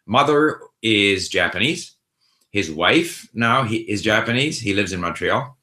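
Taking viewer questions in a casual live session about language learning, this middle-aged host talks thoughtfully and conversationally, often using fillers and starting over. His lowish voice is animated, pushed and bright, and his pace is a little slow. The sound echoes around the room.

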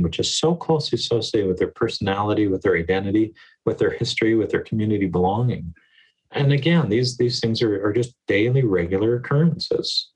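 Male educator guest, slightly husky, lowish register; earnest, emphatic, repeats key words. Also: darkish tone, rough recording. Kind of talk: earnest conversational interview.

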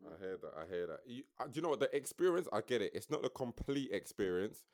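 Casting: young male podcast co-host, London roadman accent, slangy and informal, rapid delivery, dry close sound. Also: lowish voice, very animated, a little mellow, dry recording. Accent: London, urban street slang. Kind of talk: casual chat.

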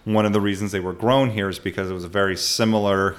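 A man with a fairly low voice hosts a relaxed podcast chat. He sounds curious and chatty, and he often repeats points back to confirm them. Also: fast. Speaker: podcast host. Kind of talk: casual podcast interview.

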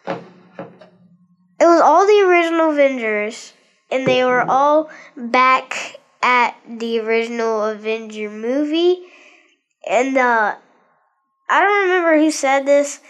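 A woman co-hosting a podcast, chatting casually about a film, halting and full of fillers. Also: high-pitched. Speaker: podcast co-host. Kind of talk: casual movie-review chat.

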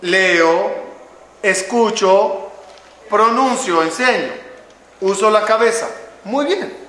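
A man's voice: sits high, lively intonation, slow, bright, forceful tone. A man teaching a religious class, telling stories and asking questions of the audience. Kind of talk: Torah class to a live audience. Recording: echoey room.

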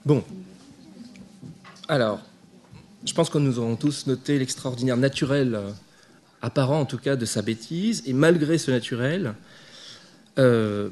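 A man delivering an academic lecture at a middle pitch. He speaks in a measured way, thinking aloud with small hesitations and restarts as he builds his points. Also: a little mellow.

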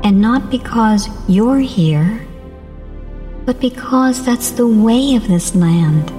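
A woman voicing a brave, calm young female bear who answers a villain in soft but clear, steady verse. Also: medium pitch, close to an everyday voice.

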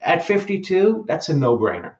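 A guest analyst with a slightly high, somewhat mellow voice shares his opinions on a casual podcast, very animated and at normal speed. He often hesitates with ums and restarts sentences, and the remote audio is echoey, dull, and lo-fi.

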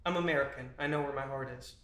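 A man's voice: mid-range voice, fairly even intonation, fast, a bit bright. A young man co-hosting a podcast, bantering in mock-earnest tones and breaking into laughter. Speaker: podcast co-host. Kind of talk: casual chat. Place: indoor podcast room. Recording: echoey room.

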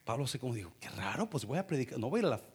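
A man preaching a lively sermon as pastor, acting out scenes, calling out sound effects and laughing. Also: mid-range voice, rapid-fire, breathy edge. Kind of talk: energetic bilingual sermon. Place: church.

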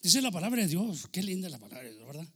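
A man preaching a sermon as pastor, swinging between loud exclamations and low asides. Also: big pitch swings, fast talker, husky.

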